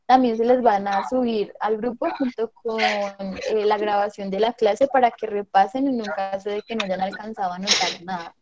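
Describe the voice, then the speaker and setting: A woman's voice: medium pitch, steady tone, normal speed, hardly any pauses, muffled recording, background noise. A woman teaching English on a video call, checking in often with "¿listo?". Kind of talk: online class teaching. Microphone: computer mic on a video call.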